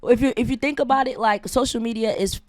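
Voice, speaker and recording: A woman's voice: fairly high pitch, steady tone, quick pace, no echo, clean studio sound. A woman from New York hosting a casual interview, talking in hype street slang with emphatic delivery. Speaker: host.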